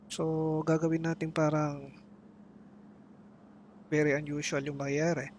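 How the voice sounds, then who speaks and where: High-voiced bossy man in role-play. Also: level tone, measured pace, a little mellow, a little hiss or hum. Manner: bossy and commanding, snaps when challenged. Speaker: streamer playing a town mayor. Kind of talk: in-character role-play over game voice chat.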